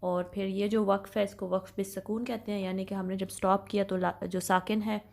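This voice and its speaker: Woman teacher doing a tajweed lesson, calm and patient, pretty level voice, middle pitch. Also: vocal fry. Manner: patient, methodical explaining with slow drawn-out demonstrations; frequent reassuring check-ins. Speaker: Quran recitation teacher.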